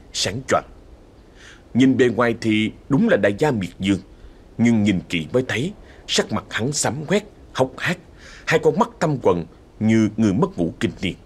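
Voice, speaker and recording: A man's voice: on the low side, husky. A man narrating a ghost story vividly and dramatically.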